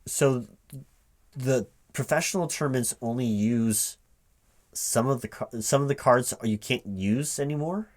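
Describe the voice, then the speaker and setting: In a one-sided ASMR interview roleplay, a medium-pitched man plays a recruiting manager, asking questions in a halting, puzzled way and checking back with "right?". He's on a close microphone, with computer keyboard typing behind him.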